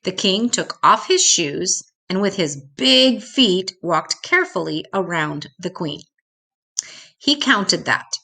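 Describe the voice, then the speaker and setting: An older woman reads a children's picture book aloud, slow and expressive, stretching out important words for young listeners. Her voice sits on the low side and has a creaky quality.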